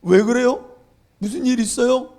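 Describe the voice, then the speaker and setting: A man's voice: very high voice, normal speed, a little mellow, voice pushed up. A man voicing a curious shepherd boy who keeps asking soldiers questions. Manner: insistent questioning.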